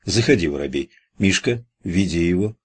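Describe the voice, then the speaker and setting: A man voicing a brisk gravedigger foreman in an audiobook, giving curt orders. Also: deep voice, animated, slightly rough. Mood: commanding.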